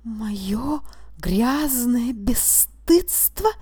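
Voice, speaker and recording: A woman reading the part of a meek, tearful accused man who pleads slowly and sometimes drops to a whisper. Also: medium pitch, no room sound, studio quality, close to an everyday voice. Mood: bewildered. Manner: tearful, pleading and quietly insistent, slipping into a hushed whisper. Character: weepy, meek male mechanic accused of a crime.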